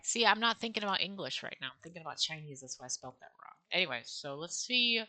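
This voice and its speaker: Talking fast and animatedly in a low, sharp voice, a woman vlogs her self-taught language learning. She thinks aloud and sounds out syllables, poking fun at herself playfully.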